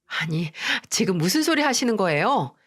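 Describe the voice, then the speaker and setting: Brief: a woman doing a sharp, dismissive young daughter-in-law in a storybook drama, curt and cold. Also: mid-range voice, big pitch swings, moderate pace, slightly rough. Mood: defiant. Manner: snappish, dismissive. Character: angry defiant young wife, daughter-in-law.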